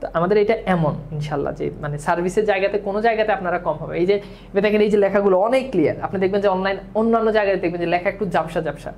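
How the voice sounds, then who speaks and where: A man teaches an exam-prep class at a quick clip. His voice sits unusually high. He fires the same question again and again and answers it himself. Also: darkish tone, slight background noise. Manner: drills questions and answers repeatedly; talks fast, as he admits. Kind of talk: online exam-prep lecture.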